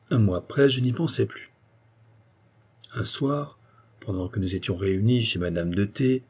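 A man reading a short story aloud in a measured, steady narration. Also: medium pitch, slightly rough.

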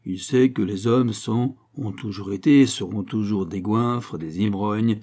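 A man's voice: fairly low pitch, unhurried, mellow. A preachy young angel, as a man puts him on. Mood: assured. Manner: solemn, sermonizing delivery. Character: young male angel messenger, eloquent and preachy.

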